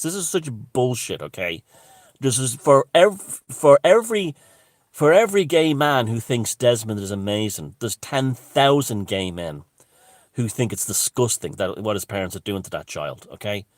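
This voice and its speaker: A man with an Irish accent delivers an opinionated, unscripted monologue as a commentator. His voice sits at a medium pitch and he is emphatic and sweary, often restarting phrases. The sound is dry, with hardly any room on it. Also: big pitch swings, moderate pace, no echo. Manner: emphatic, profane, with broken restarts.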